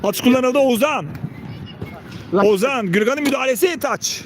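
Slow-paced, high-voiced male football commentator. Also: a little hiss or hum. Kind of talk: live play-by-play commentary, short name calls. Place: outdoors beside a football pitch. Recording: outdoor pitch with players and crowd behind.

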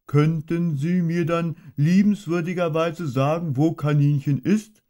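A man voicing a simple, good-natured, honey-loving male bear in a storybook reading, with a slow, hummy, deliberate way of talking. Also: on the high side, steady tone, dark tone, voice pushed up, close to an everyday voice. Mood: cheerful, slow. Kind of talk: audiobook character voice.

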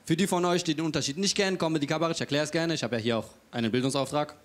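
A man doing a stand-up comedy set on stage before a live audience, with cheeky, deadpan self-mockery. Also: fairly high pitch, very fast, slight background noise.

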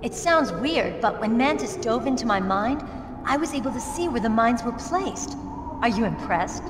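A woman's voice: on the high side, expressive, moderate pace, close to an everyday voice. A woman playing a playful, cocky young female soldier in a video game. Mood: playful, teasing. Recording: echoing, reverberant, noisy game audio.

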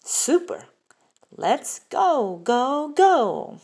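A woman reading a picture book aloud, slowly and carefully, asking the listener questions, recorded on a phone held over the pages. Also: high voice, sing-song, a little mellow. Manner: slow, careful, sing-song with questions to the child. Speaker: reader. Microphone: phone filming the book up close.

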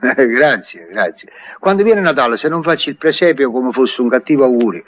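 A man's voice: mid-range voice, expressive, brisk, fairly bright tone, close to an everyday voice. A man playing a fond middle-aged Neapolitan father in a 1950s radio play, with a Neapolitan accent and a chatty, rambling, proud manner. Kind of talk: 1950s radio drama acting.

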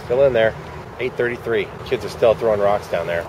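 A man in his forties with a lowish voice talks briskly to a handheld camera held at arm's length in a shopping center parking lot. His vlog commentary is dry, wry and rambling, full of muttered asides, with traffic and outdoor ambience behind him.

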